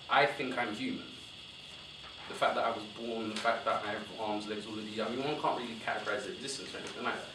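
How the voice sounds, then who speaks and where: Young man, panel speaker, animated, self-correcting, distant mic, roomy hall. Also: lowish voice, background noise. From born in Somalia, raised in West London. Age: young adult. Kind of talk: panel discussion talk. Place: university lecture room.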